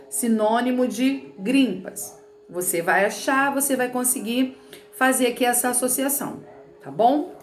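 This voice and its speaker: A woman teacher from Rio de Janeiro, speaking with a Carioca Portuguese accent, reads from a textbook during a remote lesson. Her fairly high voice sounds roomy with slight background noise, and she explains chattily, often checking in with "né" and "tá bom."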